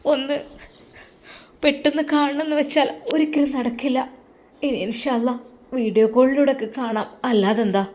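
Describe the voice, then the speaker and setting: A woman voicing a shy young bride who talks to herself in a soft, hushed, whispery voice. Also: high voice, fairly even intonation, moderate pace, pauses often, slight background noise, lightly acted. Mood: hushed wonder.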